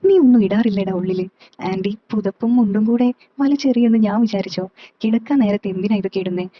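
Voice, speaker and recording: A woman's voice: mid-range voice, brisk, natural voice. A woman reading as a teasing, playful aunt. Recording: slightly dull, dry recording.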